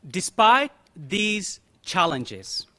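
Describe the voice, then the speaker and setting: A young man from Afghanistan, delivering a formal prepared speech as a youth delegate in a slow, deliberate, solemn way. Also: sits high, very animated, pushed and bright. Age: young adult.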